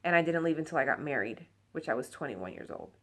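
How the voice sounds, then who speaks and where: Fired-up Puerto Rican woman, lowish voice. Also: lively intonation, fast, fairly bright tone. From Puerto Rico. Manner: passionate, blunt and exasperated, mixing in Spanish. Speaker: vlogger. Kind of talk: unscripted personal rant to camera.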